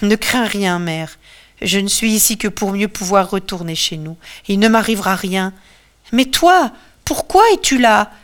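A woman's voice: medium pitch, expressive, unhurried, lightly acted. A woman voicing a grieving male hero who pleads in a tearful, anguished voice. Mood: urgent.

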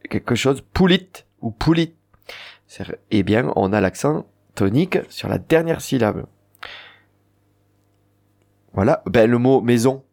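A man's voice: mid-range voice, gravelly, darkish tone. A man with a southern French accent, teaching an Occitan lesson and explaining pronunciation rules with spoken examples. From southern France. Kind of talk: radio language lesson.

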